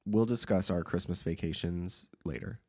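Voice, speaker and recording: Woman co-host with a very deep voice, dry playful quips, casual podcast chat. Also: normal speed, darkish tone, dry recording.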